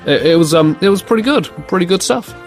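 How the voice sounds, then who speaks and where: A man's voice: high-pitched, expressive, fast talker, faint music behind. A young British man answering fan questions in a casual, jokey chat, rambling with plenty of fillers and restarts. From Britain. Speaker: co-host of a fan series Q&A.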